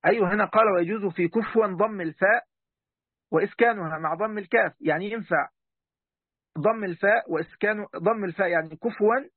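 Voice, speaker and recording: This sheikh's high, fast voice has a breathy edge, and his Egyptian Arabic accent is clear as he reads passages aloud in an online class. He explains them in a chatty way, addressing students directly and breaking off mid-word, over phone-quality audio with no echo.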